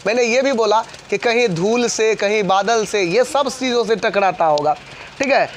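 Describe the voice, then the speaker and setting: A man teaching a physics class to students. He talks fast and keeps repeating questions for the class to answer back. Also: high-pitched, a little hiss or hum. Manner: fast, repetitive call-and-response questioning.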